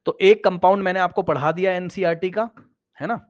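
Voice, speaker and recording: A man with a fairly high voice explains chemistry in a loose, conversational way, repeating phrases and checking that his students follow. He often drops his voice lower as he points things out on screen. The recording sounds slightly dull and lo-fi. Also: steady tone, a little fast. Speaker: chemistry teacher. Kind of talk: casual classroom explanation.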